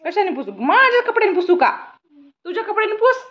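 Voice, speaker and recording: A woman's voice: very high voice, sing-song, quick pace, muffled recording. A young woman chatting playfully with a toddler in a home vlog, coaxing and teasing in a sing-song baby-talk voice. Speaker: vlogger.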